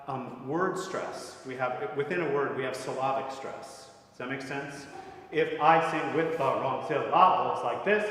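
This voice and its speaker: A man's voice: mid-range voice, a bit bright. A middle-aged man leading a voice masterclass, talking conversationally and often checking in with his students. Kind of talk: masterclass teaching. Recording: echoey hall with long reverb, faint noise.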